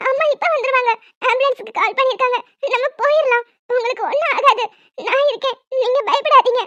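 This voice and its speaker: A woman's voice: very high voice, fairly even intonation, fast, a bit bright, no room sound. A woman voicing a young wife in a cartoon serial, pleading and tearful for her father. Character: young wife, loving and desperate daughter. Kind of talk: Tamil cartoon serial voice acting. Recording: dull lo-fi sound.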